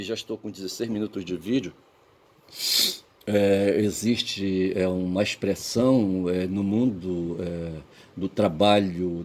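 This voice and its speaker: A man with a Brazilian Portuguese accent and a somewhat low voice talks in a rambling, lecturing vlog monologue. He keeps checking in with "tá certo?" and "sabe?", letting his phrase endings fade, with the odd casual curse. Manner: digressive, peppered with "tá certo?" and "sabe?", trailing off quietly at phrase ends. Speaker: vlogger.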